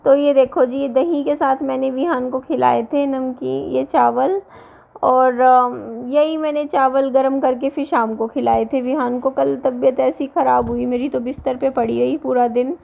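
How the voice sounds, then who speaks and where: A woman in her thirties, hoarse from a sore throat, rambling casually to her viewers in a home vlog. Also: sits high, fairly even intonation, a little slow, highs cut off. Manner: rambling, restarts often, talks to viewers directly. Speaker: vlogger.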